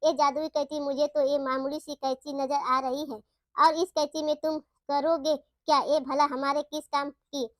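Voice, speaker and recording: A woman's voice: high-pitched, flat delivery, moderate pace, no room sound, clean studio sound, natural voice. A woman voicing a worried village wife in a storybook tale, complaining and questioning. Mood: scolding.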